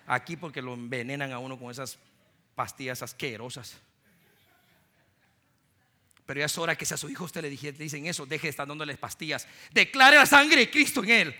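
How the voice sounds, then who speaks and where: In a flat, fast delivery, a middle-aged Guatemalan pastor with a Guatemalan Spanish accent preaches. His stories swing from loud sermonizing to soft, low asides.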